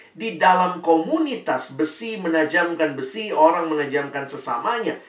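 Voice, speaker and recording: A man preaching a sermon as a pastor, lively, moving between loud and soft and acting out quoted voices. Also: a little high. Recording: roomy sound from a distance.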